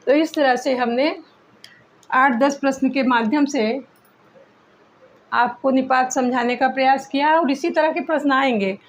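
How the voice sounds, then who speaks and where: A woman teaching Hindi grammar for exams, reading questions aloud slowly and repeating words so students can write them down. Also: sits high, fairly even intonation, rough recording. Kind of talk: exam-prep grammar lesson.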